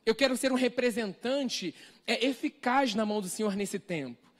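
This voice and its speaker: Preaching a sermon on a live stream from a church hall, a man with a Brazilian Portuguese accent speaks earnestly in a high-sitting voice at normal speed. He repeatedly poses rhetorical questions.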